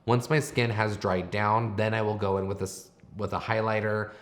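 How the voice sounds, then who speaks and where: A man's voice: fairly low pitch, level tone, normal speed. A man giving explanatory makeup commentary as a host, advising in a conversational tutorial style.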